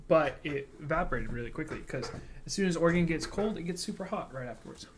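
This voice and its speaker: A man co-hosting a casual reaction livestream, chatty and joking as he reads viewer comments aloud. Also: medium pitch. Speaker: reaction channel co-host.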